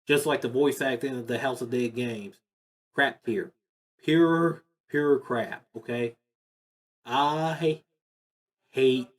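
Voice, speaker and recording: A video host with a slightly rough, mid-range voice ranks video game movies in casual, unscripted commentary. He rambles and speaks emphatically, often repeating his phrases.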